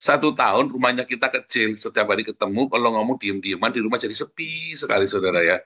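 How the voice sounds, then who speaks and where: A man's voice: lowish voice, fast talker, sharp tone. A male pastor giving a conversational, humorous sermon with an Indonesian accent, telling family stories and often turning to the congregation. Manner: conversational and humorous, often adds "saudara ya" and laughs while telling a story.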